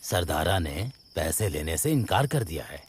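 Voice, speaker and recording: A man's voice: very deep voice, big pitch swings, measured pace, slight background noise, heavily acted. A man voicing a companion in a cartoon, who talks in a plain, explaining way.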